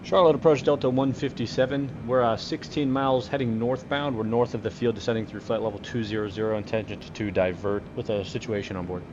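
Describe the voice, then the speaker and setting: A man playing an airline pilot over a cockpit headset mic, making radio calls and narrating in a brisk, dry, joking way with casual swearing. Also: mid-range voice, fairly even intonation, dull audio, background noise. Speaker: flight simulator streamer playing airline pilot.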